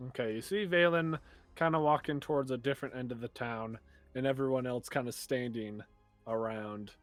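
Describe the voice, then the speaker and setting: A man's voice: medium pitch, moderate pace, soft background music. A man acting as game master, narrating a tabletop game in a casual, improvised way.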